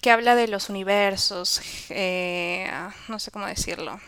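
A woman's voice: medium pitch, steady tone, measured pace, fairly bright tone, smooth, no room sound. A woman guest reading tarot in a casual chat, now and then slipping English phrases into her Spanish. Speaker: podcast guest tarot reader.

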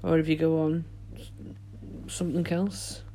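Even-toned man hosting a podcast. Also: on the high side, slight background noise, low-quality recording. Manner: informal, halting, unpolished. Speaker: podcast host. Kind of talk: casual solo podcast chat.

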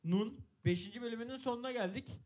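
A man with a high-pitched voice leads a casual podcast chat. He jokes around and raises his voice sharply when acting out what he'd say. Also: fast talker. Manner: joking, loud bursts when quoting himself. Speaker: podcast co-host.

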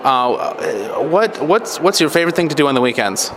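A man's voice: a little high, very animated, moderate pace, crowd noise. An American man hosting a podcast conversationally, his voice echoing in a big hall. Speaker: podcast host. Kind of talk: conversational interviewing and commentary. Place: echoey, nearly empty state capitol hall. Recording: echoey big hall, faint background noise.

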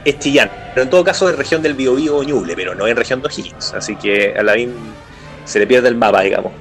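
Un hombre con acento chileno conversa de política en un pódcast, con muchas pausas y frases que se reinician. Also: male voice, medium pitch, lively intonation, fairly bright tone, faint music behind. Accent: Chilean Spanish. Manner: rambling, many restarts and fillers. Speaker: political podcast co-host. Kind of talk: casual political chat.

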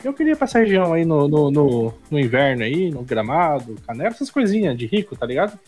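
Male, Brazilian Portuguese accent. Animated, slightly high-pitched podcast talker, informal, faint music underneath. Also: fast talker. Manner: informal, slangy, peppered with tag questions. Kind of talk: casual podcast chat.

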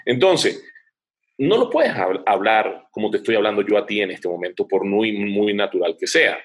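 A man's voice: on the low side, lively intonation, moderate pace. A man speaking as an interview guest, an advertising director explaining his work at length, thinking aloud with frequent hesitations.

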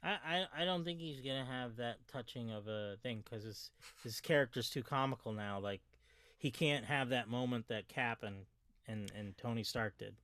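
A man's voice: mid-range voice, normal speed, a bit bright, no room sound. A man guest-hosting a podcast, chatting casually about a movie in a joking, easygoing way. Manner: joking, easygoing, trails off mid-thought. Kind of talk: casual movie review chat.

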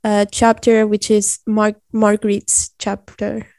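A woman co-hosting a podcast in casual chat, chatty and quick with asides, laughing often. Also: medium pitch, completely flat delivery, darkish tone, no room sound. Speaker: podcast co-host.

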